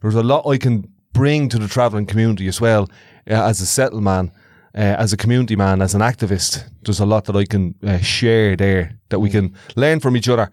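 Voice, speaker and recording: A man's voice: fairly low pitch, brisk, few pauses, a little mellow, dry recording, studio quality. An Irish-accented man talking casually and reflectively as co-host of a podcast.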